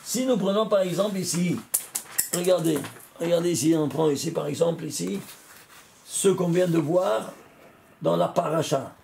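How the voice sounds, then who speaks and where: A man, a rabbi, giving a lively Torah lesson, keeps quizzing his audience and now and then bursts into a shout. His voice sits high for a man and has a gravelly edge. Faint noise hums behind him. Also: moderate pace, long pauses.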